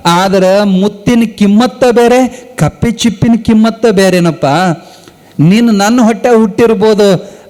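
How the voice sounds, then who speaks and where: A man's voice: high voice, a little mellow, long reverb tail. A man voicing a grieving village mother who humbly blesses her departing son.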